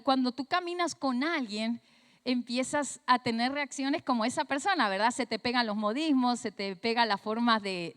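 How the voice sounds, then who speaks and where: A woman pastor, slightly hoarse, telling a personal story in a conversational sermon with frequent tag questions. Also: high voice, fairly bright tone, in a large hall.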